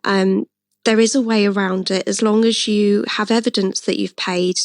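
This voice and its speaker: A woman's voice: mid-range voice, steady tone, moderate pace, no echo. A woman with an English accent being interviewed on local radio, talking earnestly and at length with frequent fillers. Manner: earnest, relieved, talkative with fillers. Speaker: interviewee, motorist who campaigned.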